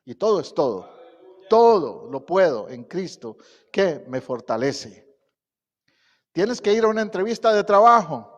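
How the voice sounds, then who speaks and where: A middle-aged man preaching a sermon, reciting scripture with rising emphasis and pausing often. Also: sits high, sing-song, long reverb tail, lo-fi sound. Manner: slow, deliberate pacing with pauses. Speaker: pastor. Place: church sanctuary.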